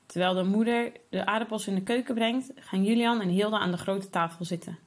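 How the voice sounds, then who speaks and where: A woman reading a children's story aloud in a steady, expressive way. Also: medium pitch, fairly quick.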